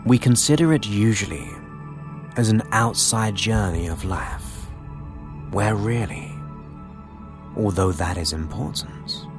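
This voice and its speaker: A man leading a guided relaxation in a soothing, unhurried manner, leaving long pauses between short phrases. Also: on the low side. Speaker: guided meditation host. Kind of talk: guided relaxation hypnosis narration. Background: new-age music.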